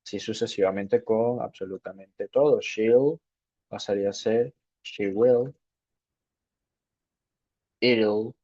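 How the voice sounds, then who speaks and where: Slow and step by step, a man teaches English grammar in a lowish, mellow voice, repeating "ok" after each point to make sure students follow. The recording has a dull lo-fi quality.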